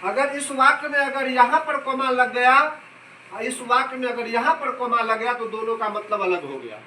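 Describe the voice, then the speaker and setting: A man teaching a class in a high, bright voice, checking often that the students follow. He sounds far from the mic in an echoey classroom, with faint background noise. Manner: explains slowly with repeated questions to the class. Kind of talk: classroom lesson. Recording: echoey room, from a distance.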